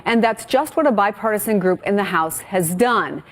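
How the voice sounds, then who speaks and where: A woman news anchor reading scripted news copy in a brisk, clear way and introducing guests. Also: mid-range voice, expressive.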